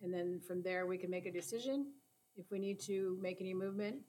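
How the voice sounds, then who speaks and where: A woman chairing a committee meeting, moving through the agenda with frequent fillers and a relaxed, hesitant manner. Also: on the low side, brisk. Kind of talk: running a meeting.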